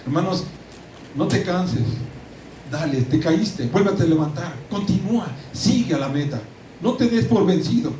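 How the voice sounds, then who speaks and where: A middle-aged Mexican man preaches with insistent emphasis, repeating and restarting his words, his voice sitting a little high. He sounds distant from the mic in a roomy, echoing hall with steady ambience behind him. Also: a little slow, a little hiss or hum. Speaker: pastor. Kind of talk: sermon.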